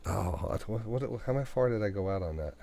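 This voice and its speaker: A man's voice: fairly low pitch, lively intonation, fairly quick, vocal fry, dark tone. A man with a New York accent hosting live day trading commentary, thinking aloud and talking to the market and to himself. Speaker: day trading radio host.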